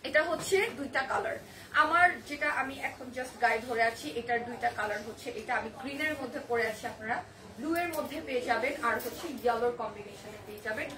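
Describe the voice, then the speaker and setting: A young woman with a Bangladeshi Bengali accent and a hoarse voice, chatting on a live-stream sales pitch and reading viewer comments aloud and answering them. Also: fast talker, a crowd in the background. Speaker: online boutique live seller.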